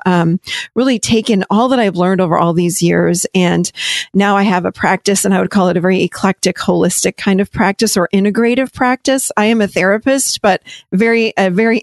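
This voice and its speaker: A woman's voice: mid-range voice, no room sound. A woman who grew up in Rochester, New York speaks as a podcast guest, midrange and conversational. She runs her thoughts together, restarts and laughs lightly. The sound is dry and close. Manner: chatty, quick, self-correcting, laughs often. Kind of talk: casual interview talk.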